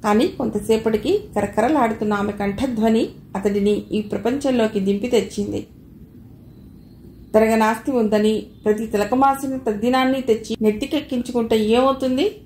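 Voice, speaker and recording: A woman's voice: on the high side, moderate pace. Woman narrating an audio novel. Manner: steady storytelling. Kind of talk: scripted narration. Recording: echoey room with faint noise.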